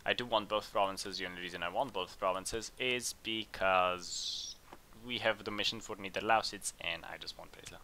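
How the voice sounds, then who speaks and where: A man hosting a let's play, chatting casually and thinking aloud as he plays, with bursts of excitement in tense moments. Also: low-pitched, normal speed, a little hiss or hum. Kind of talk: casual game commentary.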